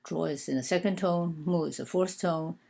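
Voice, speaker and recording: A woman's voice: on the low side, moderate pace, creaky, warm tone. A woman teaching an informal language lesson, hesitant and full of fillers, counting and spelling things out aloud. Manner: hesitant, many fillers and restarts.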